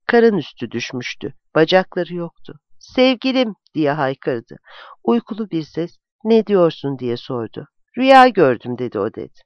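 A narrator giving a measured, expressive literary audiobook reading, dropping low and quiet on the narration tags. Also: dry recording. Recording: dull, dry close-miked recording.

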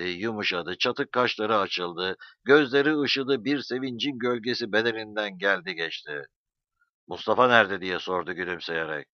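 A man narrating an audiobook with a dramatic, expressive reading, with a dull, lo-fi sound. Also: lowish voice, no echo.

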